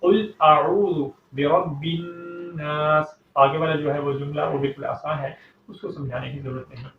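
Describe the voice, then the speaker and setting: A man teaching a step-by-step recitation lesson, explaining calmly and pausing to chant verses slowly. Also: mid-range voice, faint music behind. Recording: echoey, distant, dull lo-fi recording with faint hum.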